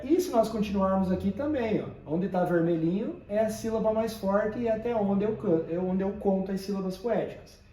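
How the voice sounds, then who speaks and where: A man's voice: sits high, mellow, roomy sound. A man teaching a poetry lesson, explaining step by step and often checking that listeners follow.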